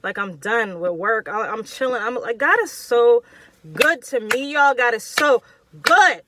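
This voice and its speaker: A woman vlogger telling a personal story to her viewers in a casual, expressive and slangy way. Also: a little high, a little slow, background noise.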